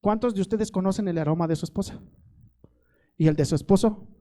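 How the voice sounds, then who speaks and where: A man's voice: sits high, brisk, mellow. A middle-aged male pastor preaching a sermon, asking the congregation questions and pleading with growing fervor.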